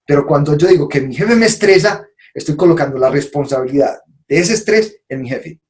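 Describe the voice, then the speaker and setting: A man's voice: fairly high pitch, lively intonation, fairly quick, a little mellow. Man lecturing a live audience. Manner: acts out quoted phrases, asks "¿sí?" to check in. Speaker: conference speaker.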